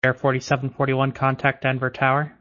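With a mid-range, slightly bright voice, a male air traffic controller relays clipped, matter-of-fact procedural instructions in a fairly quick monotone. The radio transmission sounds dull and band-limited.

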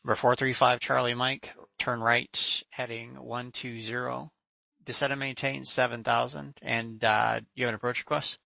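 Crisp-edged male air traffic controller on radio. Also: medium pitch, level tone, normal speed, sharp tone, dry recording, highs cut off. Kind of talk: procedural radio instructions. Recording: dry, band-limited radio audio.

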